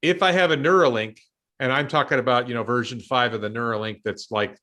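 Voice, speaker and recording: American man, 50s, bright tone, casual talk show host, rambling with restarts. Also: medium pitch, fairly quick. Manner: thinks aloud with many ums and restarts. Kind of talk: casual discussion.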